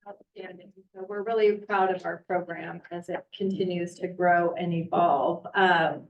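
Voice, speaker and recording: A woman superintendent giving a casual, chatty update at a school board meeting, often pausing with ums and uhs. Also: on the low side, fairly even intonation, gravelly. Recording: echoey, distant, muffled meeting audio.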